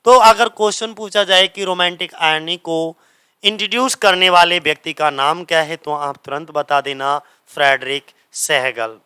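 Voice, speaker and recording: This is a man teaching English literature, his voice bright and smooth, a little high for a man. He talks slowly and deliberately, mixing Hindi with English and pausing to ask his students again and again, as if drilling them. The recording is close and dry. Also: dry recording, rough recording. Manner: repeats key answers as quiz questions to students; mixes Hindi and English, reads English passages slowly. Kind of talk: exam-prep lecture.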